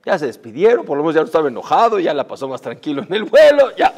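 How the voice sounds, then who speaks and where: A man, a rabbi, telling a story in a sermon, acting out the characters' lines and swinging between loud outbursts and near-murmurs. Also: a little high, very animated, fast, vocal fry.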